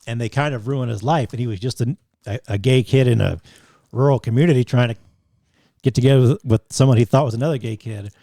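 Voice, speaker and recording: A man's voice: mid-range voice, fast talker, dark tone, dry recording, clean studio sound. A man co-hosting a podcast in casual chat, rambling with many restarts and fillers. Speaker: podcast co-host.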